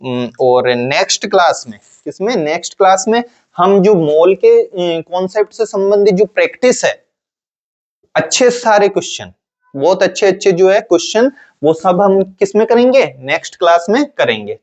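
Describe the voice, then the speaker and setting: A man with a high, light voice teaches a class, asking a question and then answering it himself in a lower voice. His talk is casual and repetitive. The recording sounds dull and lo-fi. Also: lively intonation, normal speed, a little mellow. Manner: asks questions and answers them himself in a low voice. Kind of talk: classroom lecture.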